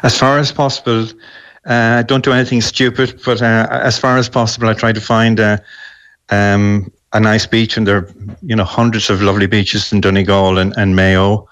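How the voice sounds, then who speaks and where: A man's voice: fairly low pitch, flat delivery, normal speed, a bit bright. A middle-aged man from the west of Ireland with an Irish accent, chatting casually as a guest on a radio phone-in. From Galway, west of Ireland. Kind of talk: casual interview chat.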